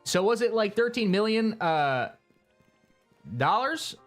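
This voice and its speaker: A live streamer giving rambling, chatty gameplay commentary while talking to chat, with excitable bursts. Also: mid-range voice, takes it slowly, soft background music.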